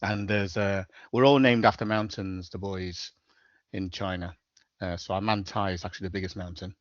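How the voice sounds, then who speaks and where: A middle-aged Liverpool man with a Scouse accent talks as a podcast guest in a casual interview, level and matter-of-fact with many hesitations. His voice is deep with fairly even intonation at normal speed, on a dry, dull recording.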